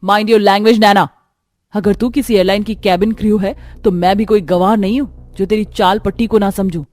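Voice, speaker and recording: A woman's voice: mid-range voice, fairly even intonation, a little fast, dark tone, natural voice. A woman voicing a poor, hardworking young daughter in a cartoon story who cares for her mother. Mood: indignant. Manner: caring but firm, scolding when angered.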